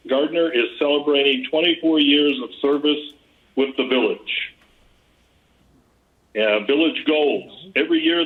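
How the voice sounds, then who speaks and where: A man chairing a public meeting over a speakerphone, reading through his report in a steady, businesslike way with frequent pauses to say "uh". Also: on the high side. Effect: heard over a speakerphone. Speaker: chair of a village board meeting. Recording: tinny speakerphone played into a room.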